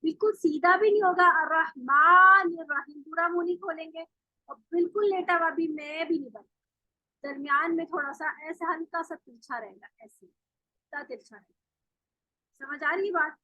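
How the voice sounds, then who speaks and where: A woman teaching Quran recitation in an online class, patiently explaining and slowly modeling each sound. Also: extremely high pitch, steady tone, sharp tone, no echo. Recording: dull dry call audio.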